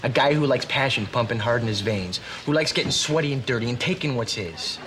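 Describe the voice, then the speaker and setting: A man's voice: mid-range voice, brisk, a bit bright, faint music behind, lightly acted. A young man playing a swaggering, arrogant teenage boy who sees himself as a rebel, in a sitcom. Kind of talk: sitcom acting.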